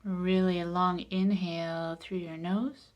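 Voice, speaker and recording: A woman guides a meditation in a calm, soothing, unhurried manner, her soft, lowish voice growing breathy as phrases end. The sound is lo-fi.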